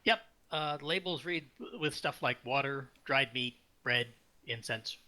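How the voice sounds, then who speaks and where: A man's voice: medium pitch, unhurried. A man running a tabletop game as game master, talking loosely and stopping often with fillers and restarts. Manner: relaxed, hesitant with many fillers and restarts.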